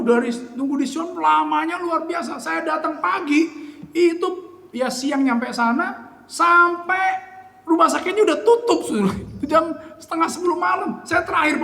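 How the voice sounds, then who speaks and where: A man preaching a Christmas sermon, telling a personal story in an animated way and addressing the congregation directly. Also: very high-pitched, creaky. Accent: Indonesian. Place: church hall. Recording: echoey church hall, faint ambience.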